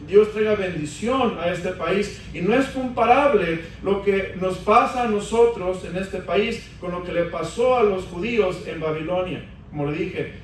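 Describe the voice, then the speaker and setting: A man preaching a sermon in a high, bright voice, pressing his points with emphatic rises. He sounds distant from the mic in a big, echoing church hall, with a faint hiss of room noise behind him. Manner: preaching with emphatic rises, addressing the congregation as brothers. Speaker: pastor. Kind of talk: Spanish-language sermon.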